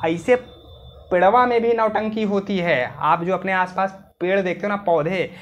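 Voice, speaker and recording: Indian male biology tutor, casual lecture, dictates notes slowly. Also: sits high, dull audio, slight background noise. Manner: chatty, calls students "beta", slows right down to dictate English. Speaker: biology teacher.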